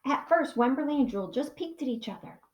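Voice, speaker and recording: A woman pre-K teacher reads a storybook in a fairly high, very lively voice. She leans on key words and pauses to put questions to her young listeners. The room sounds echoey. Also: slight background noise. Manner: animated, slow dramatic emphasis, pauses to ask questions. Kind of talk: expressive children's storybook read-aloud.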